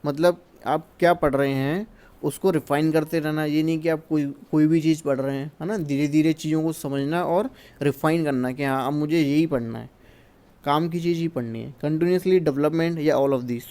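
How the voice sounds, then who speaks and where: A man from India walking through exam questions as a teacher, reading the English questions slowly and then explaining them in Hindi. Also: fairly high pitch, a little mellow.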